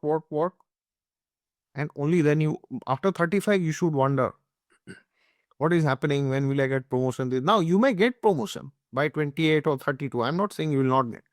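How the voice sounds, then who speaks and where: A man's voice: on the high side, dry recording, clean studio sound. A man explaining astrology in an emphatic way, often checking in with his listeners. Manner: emphatic, repeats points, often asks "okay?". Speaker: astrology teacher. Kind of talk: explanatory talk.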